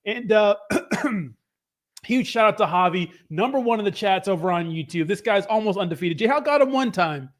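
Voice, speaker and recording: High-pitched, slightly hoarse male crypto streamer. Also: animated, moderate pace. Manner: upbeat, informal hype with slangy shout-outs. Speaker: live stream host. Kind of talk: casual live-stream chat, greeting viewers and giving crypto news.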